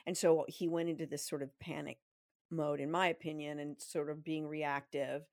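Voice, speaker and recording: A middle-aged woman chats on a podcast in a somewhat low voice, candid and quick to poke fun at herself. The sound is close and dry, with no room around it. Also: level tone, darkish tone, dry recording. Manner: candid, self-deprecating, laughs often. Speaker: podcast co-host. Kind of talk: casual chat.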